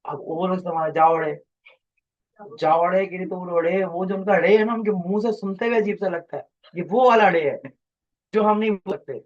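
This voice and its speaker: A teacher with a slightly high voice lectures his class at normal speed, explaining at length and rambling from point to point. He quizzes his students with frequent questions. The classroom recording is muffled and lo-fi.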